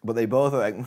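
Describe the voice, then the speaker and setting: A man's voice: mid-range voice, a bit bright. A man casually chatting with his viewers while playing a game on a livestream, rambling and laughing often. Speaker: streamer.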